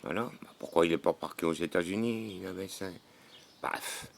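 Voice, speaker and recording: A man's voice: low-pitched, moderate pace, gravelly, a little hiss or hum. A man from France in casual chat with a slightly worn-out voice, folksy and talkative. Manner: chatty, folksy, keeps saying "mon gars". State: voice a bit worn out. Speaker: vlogger.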